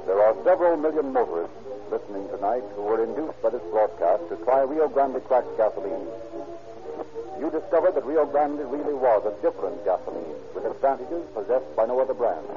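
A man's voice: medium pitch, animated, fairly quick, over music. A man narrating and announcing in a formal, declamatory 1930s radio style. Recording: tinny, noisy 1930s radio broadcast.

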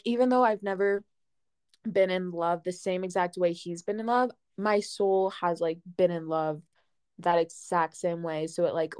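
A woman's voice: medium pitch, a little mellow, no echo. Dreamy, effusive young woman, dry mic. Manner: dreamy, effusive, stretches words. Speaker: podcast co-host. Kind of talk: casual chat.

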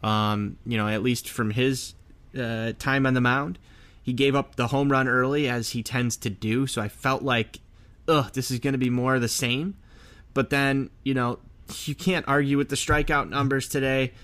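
Male co-host, average-pitched voice, earnest and chatty fan talk about sports. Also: fairly even intonation, normal speed, fairly bright tone. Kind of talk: casual fan commentary.

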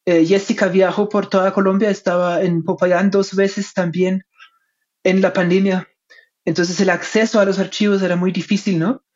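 A man's voice: sits high, little pitch movement, moderate pace. A man with a German accent, a native German speaker using Spanish, answers interview questions in a conversational way. His phrasing is reflective and hesitant, often checking in with short tag questions. The recording is dull and lo-fi. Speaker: interviewed academic researcher and author. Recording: dull, lo-fi sound.

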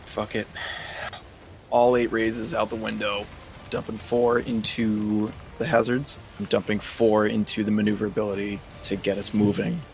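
A man's voice: on the low side, level tone, moderate pace, a little hiss or hum. A man playing a tabletop game who talks in a blunt, decisive way. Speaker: player. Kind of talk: casual tabletop play.

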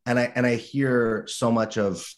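A man's voice: medium pitch, fairly even intonation, a little slow. A man co-hosting an interview podcast, chatting with the guest and laughing easily. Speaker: podcast co-host. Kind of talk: casual interview talk.

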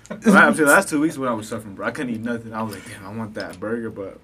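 A man's voice: mid-range voice, lively intonation, racing, pushed and bright, slight background noise. A young man chatting casually in slang, often tagging phrases with bro, dog or you know. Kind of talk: casual group chat.

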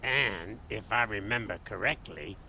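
An actor playing a dogged police detective who interrogates a suspect in an audio drama. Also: male voice, lowish voice, a little slow, bright, forceful tone, slight background noise, heavily acted, rough recording. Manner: confrontational, interrogating.

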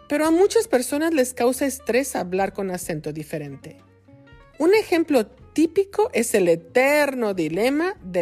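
A Mexican woman hosting a podcast for Spanish learners, speaking slowly and carefully so every word is clear. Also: fairly high pitch, a little mellow. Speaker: podcast host and Spanish teacher.

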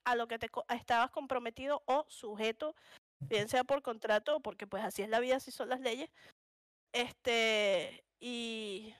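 A young woman with a Venezuelan accent from Punto Fijo chats casually as a podcast co-host. Her voice sits high. She talks in slang, laughs often, and sounds dry and close to the mic. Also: fairly bright tone, no echo. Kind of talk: casual chat.

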